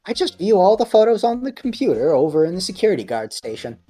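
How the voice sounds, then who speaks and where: Gruff old security guard, gangster-ish drawl, husky and low, voiced by a woman. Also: big pitch swings, fast, mellow, soft background music. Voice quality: strained, gravelly put-on voice. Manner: slangy, drawling old-timer speech.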